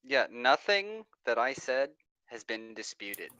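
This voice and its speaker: Arguing hotly in an online voice-chat debate, a man talks over his opponent and repeats and restarts his sentences under pressure. His voice is medium-pitched, smooth and sharp in tone, very animated yet slow, with no room sound and poor audio quality.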